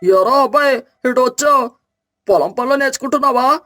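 A gruff old grandfather with a walking stick, played by a woman storyteller calls out loudly and grumbles. Soft music plays beneath his voice. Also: sits high, moderate pace.

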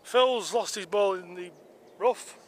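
A man's voice: sits high, slow, a little hiss or hum. Chatty English man vlogging on a golf course. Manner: chatty, addresses viewers as guys. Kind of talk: casual vlog commentary. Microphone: camera held at arm's length.

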